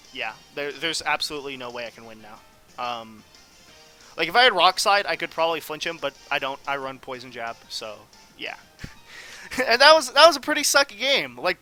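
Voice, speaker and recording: Thinking aloud as he hosts, this man riffs on a game in a loose, rambling yet analytical way. His voice leans high with a sharp edge.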